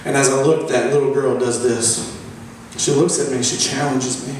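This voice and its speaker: A stand-up comedian in his 20s tells profane, boastful stories in a mock-epic style. His voice is medium-pitched and fairly flat, at a moderate pace. The recording is echoey and distant, with faint noise.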